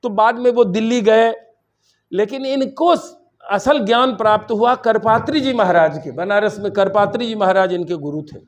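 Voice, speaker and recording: A man's voice: high-pitched, normal speed. An older man from Bihar, a university vice-chancellor, giving a rambling, story-filled seminar speech and slipping into English phrases. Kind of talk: public lecture speech.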